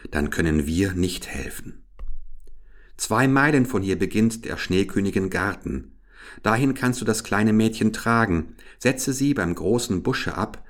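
A man voicing an old Finnish wise woman in a fairy tale, speaking earnestly with raised emphasis. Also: low voice.

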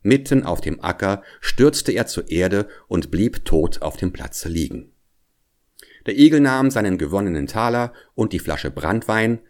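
Storyteller, man, lowish voice with a lively, rolling melody. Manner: expressive, measured storytelling. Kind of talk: fairy tale reading.

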